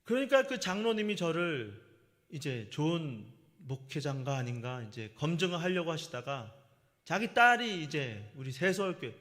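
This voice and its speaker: A man's voice: on the high side, very animated, moderate pace, a bit bright. A middle-aged man preaching a sermon as a pastor, telling a personal story and acting out the lines he quotes. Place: church sanctuary. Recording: long church-hall reverb.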